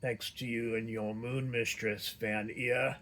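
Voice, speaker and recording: A man's voice: mid-range voice, little pitch movement, takes it slowly, fairly bright tone. A man voicing a boisterous male dwarf barbarian with a folksy dwarven way of talking, in a read-aloud fantasy story. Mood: grateful.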